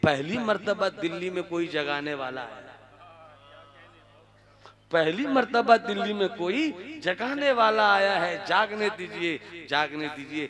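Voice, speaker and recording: A man preaching who voices a poor, educated woman in a shrill, pleading voice that rises to shouts. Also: animated, measured pace, crowd noise.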